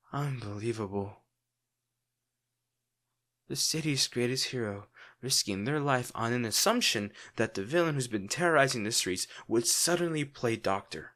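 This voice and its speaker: Incredulous, a man playing a crime-boss villain in an intimate audio roleplay uses a medium-pitched, animated, bright and forceful voice. He is sardonic with dramatic pauses, though secretly tender and worried.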